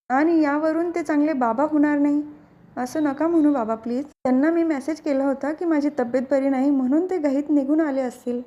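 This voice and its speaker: Outspoken young wife read by a woman, high mellow voice. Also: highs cut off, lightly acted. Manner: pleading, firm.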